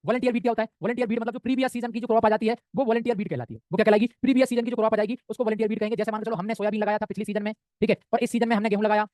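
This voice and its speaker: A man's voice: high-pitched, fairly even intonation, darkish tone, no echo. A man from India teaching an exam-prep lecture, who keeps asking his students whether they understood and answers his own questions. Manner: rapid, keeps asking "samjhe?" and answering himself.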